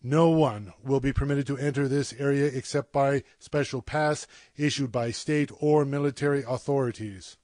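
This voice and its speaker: A man's voice: medium pitch, steady tone, normal speed, darkish tone, dry recording, natural voice. A stern male army general voiced by an actor in an old radio play. He speaks in a mid-range voice, clipped and official, with a very dry sound. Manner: formal, clipped, authoritative. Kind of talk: 1930s radio drama official statement.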